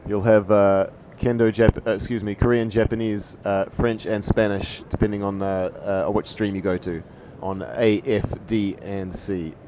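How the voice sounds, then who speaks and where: A man with a New Zealand accent giving live sports commentary, hesitant with many fillers and trailing off quietly. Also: lowish voice, fairly even intonation, normal speed, few pauses, noisy background.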